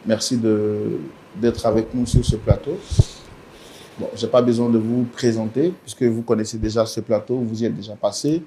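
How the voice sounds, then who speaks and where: A man hosting a studio talk show, speaking formally with measured pauses. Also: fairly low pitch, steady tone, warm tone, slight background noise. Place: TV studio set.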